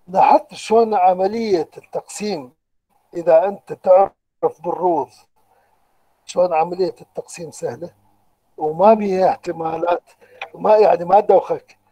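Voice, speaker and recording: An Iraqi man with a high voice, teaching an online university class. His tone is very dark and mellow. He explains patiently, step by step, and keeps checking in with rhetorical questions. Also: husky, low-quality recording. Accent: Iraqi Arabic. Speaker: lecturer. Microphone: computer microphone, online lecture.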